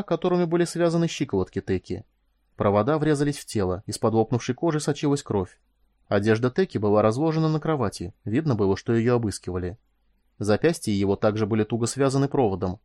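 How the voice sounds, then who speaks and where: Audiobook narrator, male, measured delivery, dry studio mic. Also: dry recording. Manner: raises pitch and volume for dialogue, calm in narration. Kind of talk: scripted narration voicing all characters.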